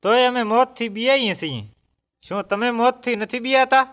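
A man's voice: very high-pitched, moderate pace, a bit bright. A man in a scripted religious dialogue, speaking somberly and asking questions about death. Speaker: grieving villager.

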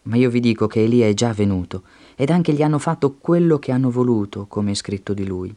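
A man voicing a stern male teacher, reading his words in a solemn, measured way. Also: medium pitch, lively intonation, warm tone, close to an everyday voice.

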